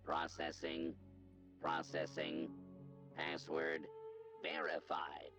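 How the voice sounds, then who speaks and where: Bank teller computer voice,, very deep, slow, monotone, gravelly, computer processing effect, music behind. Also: male voice, exaggerated voice. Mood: robotic.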